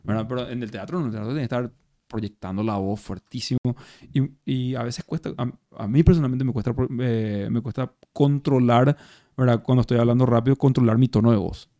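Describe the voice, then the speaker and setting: A man's voice: mid-range voice, fairly even intonation, a little fast, warm tone, dry recording, studio quality. A man with a Paraguayan accent, an actor guest chatting casually over beers, reflective and full of restarts. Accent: Paraguayan Spanish. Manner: reflective, many restarts and tag questions. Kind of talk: casual interview chat. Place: bar or café over beers.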